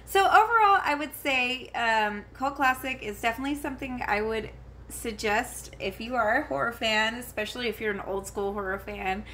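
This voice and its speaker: This convention review is a vlogger's casual talk to camera, recorded at home while her daughter can be heard elsewhere in the house. She speaks at a normal pace in a slightly high, fairly bright voice, wandering off with fillers, false starts and giggles, and there's a little background noise.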